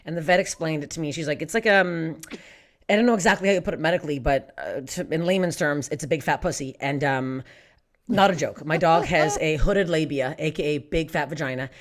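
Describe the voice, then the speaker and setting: A woman's voice: sits low, fairly quick. Brash, self-mocking young woman comic. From Canada. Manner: brash, self-mocking, swears often and laughs through lines. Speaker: stand-up comedian. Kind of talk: online stand-up set. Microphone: streamed stand-up.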